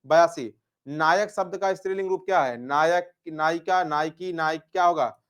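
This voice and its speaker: Speaking at a normal speed with a fairly high pitch and clean tone, this man teaches Hindi grammar by going through exam questions. He says each answer twice over, poses "क्या?" before supplying the answer himself, and uses affectionate nicknames for his students.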